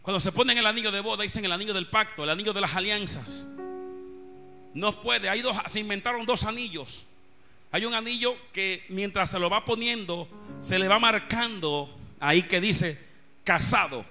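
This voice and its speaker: A man's voice: high voice, normal speed, sharp tone. A man, a pastor preaching a fervent sermon and calling on the congregation to repeat after him. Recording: music playing behind.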